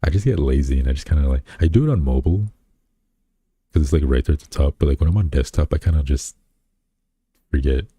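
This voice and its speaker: A VTuber streamer with a very deep, dark, husky voice talks at a quick pace but drops into long pauses while chatting casually and reading his chat aloud. Self-mocking and rambling, he fills his speech with fillers and restarts, and the close, dry recording has no room sound.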